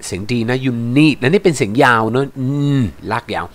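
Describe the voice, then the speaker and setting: A man from Thailand giving an English lesson at a medium pitch. He says words slowly, repeats them, then explains in quick bursts with polite endings. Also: big pitch swings, a bit bright. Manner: ends phrases with polite particles. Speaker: English teacher.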